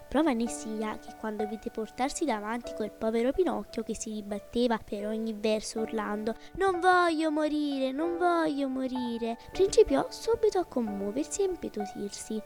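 A woman narrating a children's classic as a podcast storyteller, in an expressive, measured style. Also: a little high. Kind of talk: audiobook narration. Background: music.

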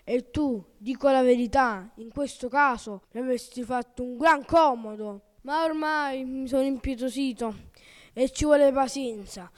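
A big, bearded puppet master with a rattly, booming voice, as a woman reads him aloud. He blusters and barks orders, pitched up high and loud, and a long hall reverb trails every line of this storybook recording. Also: unhurried. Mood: blustering. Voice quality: rattly, booming, sneezing fits. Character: gruff bearded male puppet master, soft-hearted. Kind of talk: audiobook character voice.

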